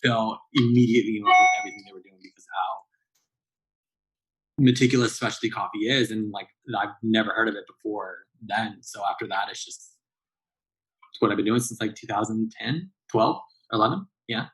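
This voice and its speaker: This late-thirties barista guest from Southern California chats loosely in an interview, restarting often and leaning on fillers. He speaks a little fast in a lowish, slightly bright, husky voice over poor audio.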